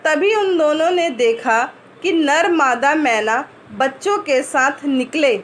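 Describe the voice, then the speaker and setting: High-voiced woman teacher reading slowly. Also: a little hiss or hum. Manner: pauses to ask and answer word meanings. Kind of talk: reading a story aloud and explaining words to pupils.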